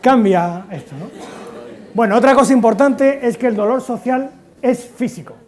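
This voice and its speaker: A man, giving a lively talk at an education conference. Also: very high voice, moderate pace. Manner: lively storytelling, acts out quotes loudly. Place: conference hall.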